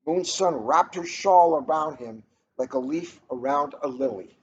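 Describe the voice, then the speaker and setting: An animated, unhurried man with a highish voice, middle-aged and a police officer, reads a storybook aloud and breaks for casual chat between passages. The room recording is muffled and noisy.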